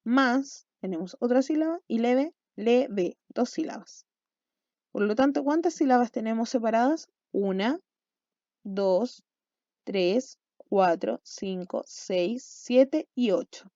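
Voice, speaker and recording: Slow, warm and expressive, this slightly high female voice guides an online class step by step, pausing frequently to make sure her students are following. There's no echo, though the audio sounds dull and lo-fi.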